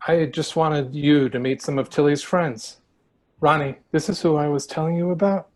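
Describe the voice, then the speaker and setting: A man playing an easygoing, slightly awkward high school boy, mild and hesitant, in a play reading. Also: fairly even intonation, moderate pace, lightly acted.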